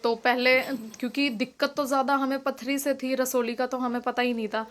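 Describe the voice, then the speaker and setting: A woman's voice: high voice, little pitch movement, a little fast, fairly bright tone. A young woman talking casually in a home vlog, explaining at length with many fillers and restarts. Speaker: vlogger.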